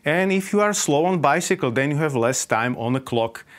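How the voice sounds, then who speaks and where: A man from Slovakia giving a conference presentation about chess events, halting, with many fillers. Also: a little high, lively intonation.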